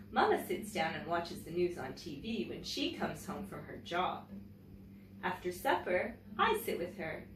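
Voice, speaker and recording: Speaking directly to young listeners, a story-time host who sounds like a teacher reads a picture book with expressive phrasing and very lively, swooping intonation at a medium pitch. She pauses to comment and ask the children questions. The mic is a bit distant, the room echoes, and there's faint background noise.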